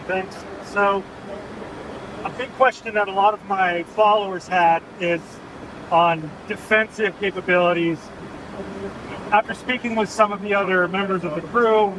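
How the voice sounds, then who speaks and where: Guy doing a casual interview on a plane, kinda high voice, loud drone behind him. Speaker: interviewer with an online following. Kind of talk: informal interview questioning. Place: inside an aircraft cockpit in flight. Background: aircraft engine and air noise.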